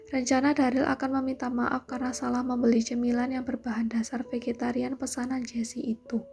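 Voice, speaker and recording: A woman reading a romance novel aloud in a steady, even narration. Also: high voice, vocal fry. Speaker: novel reader.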